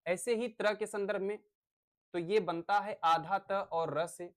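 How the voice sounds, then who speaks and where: A man's voice: high-pitched, steady tone, a little slow. A male teacher giving a lecture on phonics, explaining step by step with everyday examples.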